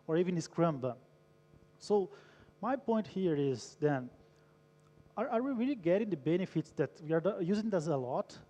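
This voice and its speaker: The voice is a man's, sitting high with a warm tone, belonging to a Brazilian conference speaker. Polling his audience and sharing a story, he holds attention in a large hall whose long reverb colors the recording.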